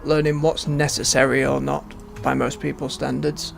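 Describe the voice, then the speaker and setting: A man's voice: mid-range voice, little pitch movement, moderate pace, vocal fry. A man giving rambling, understated casual commentary as he plays a game. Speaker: game streamer. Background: game music.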